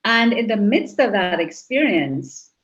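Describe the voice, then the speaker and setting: This Trinidadian guest, middle-aged, talks a little slowly in a mid-range voice marked by big pitch swings. She reflects aloud during the interview, frequently starting over, and the audio sounds slightly muffled.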